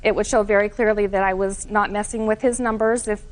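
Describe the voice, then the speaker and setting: A woman plaintiff lays out her account in court, earnest and full of detail, quick to defend herself. Her voice sits at an ordinary middle pitch. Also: fairly even intonation. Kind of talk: testimony in court.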